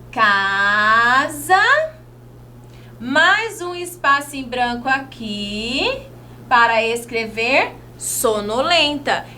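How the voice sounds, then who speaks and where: A woman from Brazil gives a video lesson to young children. Her high, lively voice swings widely in pitch, and she talks slowly, drawing out each word. A faint hum sits under the recording. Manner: slow, sing-song teacher talk, stretching words as she writes. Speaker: teacher.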